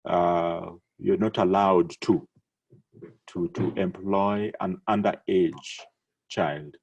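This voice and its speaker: A man from Kenya, a church council worker, explaining things in measured interview answers. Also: deep voice, steady tone, gravelly, a little mellow, highs cut off, a little hiss or hum.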